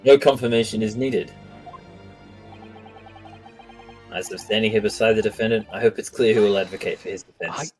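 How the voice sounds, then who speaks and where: A man voicing a confident young male law student who speaks calmly and assuredly. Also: lowish voice, quick pace, soft background music, close to an everyday voice.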